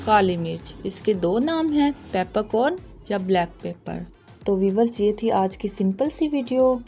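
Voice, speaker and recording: Slow, mellow woman drilling vocabulary words. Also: mid-range voice. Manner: patient, deliberate, corrects pronunciation. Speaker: vocabulary teacher. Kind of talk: slow vocabulary drill, repeating each word.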